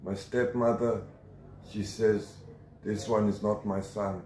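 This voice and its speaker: A man's voice: lowish voice, fairly even intonation, slow pace, a little mellow, echoey room, a little hiss or hum, poor audio. A South African man in his forties, telling his life story as an interviewee in a tough, emphatic way with strong conviction, filmed at close range on a phone camera. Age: 40s. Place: outdoor shelter against a corrugated metal wall.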